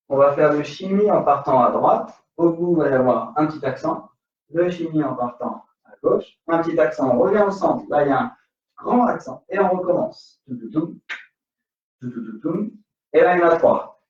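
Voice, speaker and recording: A man's voice: fairly high pitch, moderate pace, a little mellow, recorded from a distance. Man, French accent, dance teacher, counts beats aloud, dull roomy sound. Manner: counts beats and sings rhythm syllables. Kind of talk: online dance class instruction. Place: dance studio.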